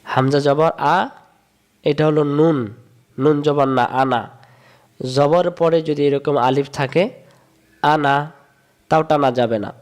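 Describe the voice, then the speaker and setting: A man leads a patient reading lesson, his voice sitting a little high. He repeats each rule in a sing-song chant and stretches the syllables out slowly so learners can follow. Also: fairly even intonation. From Bangladesh. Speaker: Quran reading teacher. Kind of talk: step-by-step recitation lesson.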